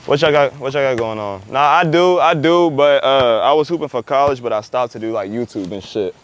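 A young man vlogging out and about, brash and full of slang. His voice sits at an ordinary pitch. Faint street noise runs behind him. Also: fairly quick. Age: 20s. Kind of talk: street prank vlog, casual chat. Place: indoor mall and outdoor basketball court.

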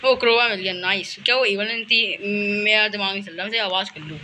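A young man with an Indian accent giving excited horror game commentary, panicking and urging himself on by name. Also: high-pitched, a little fast, slight background noise. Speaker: gaming channel host.

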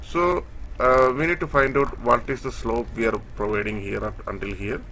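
A man giving a screen-share technical tutorial, explaining step by step in a halting way with many fillers as he points across a drawing. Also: mid-range voice, steady tone, pushed and bright, a little hiss or hum. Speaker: instructor.

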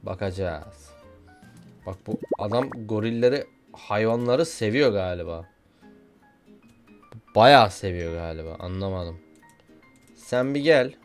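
A young man giving casual, excitable commentary while playing a video game, joking and shouting at what happens on screen. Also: lowish voice, slow pace, long pauses, soft background music. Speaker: gaming YouTuber.

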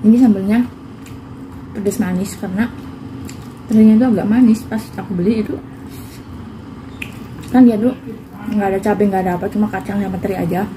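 A woman's voice: mid-range voice, fairly even intonation, fairly quick, pauses often, noisy background. A young woman vlogger, chatting homely and casual to viewers while chewing her food. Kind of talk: casual mukbang vlog. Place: home kitchen.

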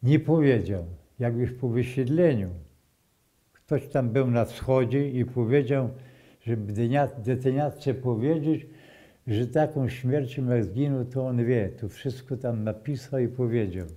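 An older man speaking in a recalls what he witnessed. He talks slowly and haltingly, in a very dark, mellow voice. He often breaks off, restarts and repeats phrases. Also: medium pitch. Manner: slow, halting storytelling with restarts and repetitions. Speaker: eyewitness. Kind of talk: oral history testimony.

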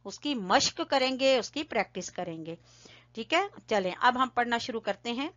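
A woman teacher with a Pakistani Urdu accent, slowly drawing out letter sounds for young children, then explaining quickly and checking in with "okay?". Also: on the high side, expressive, a bit bright. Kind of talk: recorded online lesson reading Arabic syllables aloud. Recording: dull lo-fi dry recording.

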